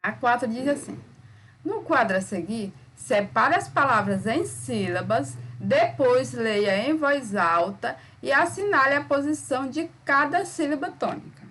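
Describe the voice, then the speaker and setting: A Brazilian woman teaching a recorded school lesson, patient and repetitive, sounding words out slowly and checking in with "tá ok?" after each step. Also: high-pitched, animated, a bit bright, slight background noise. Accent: Brazilian Portuguese.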